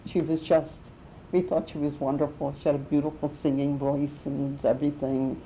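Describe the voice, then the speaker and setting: A woman's voice: flat delivery, moderate pace, warm tone. An older woman telling memories in an oral history interview, rambling along with restarts and small laughs. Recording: muffled with faint rumble.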